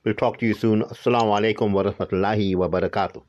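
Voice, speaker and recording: Low-voiced older South African Indian radio host. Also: male voice, steady tone, rapid-fire, darkish tone, no room sound, highs cut off. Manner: polite, deferential interjections. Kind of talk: brief responses and programme sign-off.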